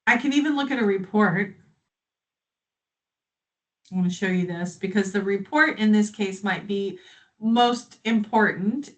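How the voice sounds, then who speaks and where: A woman from the United States leading a live software training, explaining features in a friendly, chatty way. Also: medium pitch, poor audio.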